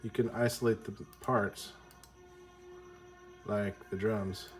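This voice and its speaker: A man's voice: lowish voice, fairly even intonation, slow. A man teaching a casual music lesson with a congested, stuffy voice, rambling and correcting himself as he goes. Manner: rambling, self-correcting, with frequent ums. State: congested from a cold.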